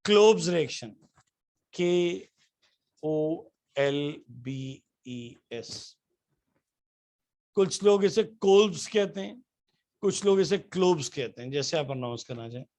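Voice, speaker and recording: A man lectures a chemistry class, his voice sitting a little high for a man. He keeps tossing questions to the room and then answering them himself. When he reaches a formula, he spells it out one letter at a time. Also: a little mellow. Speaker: chemistry teacher.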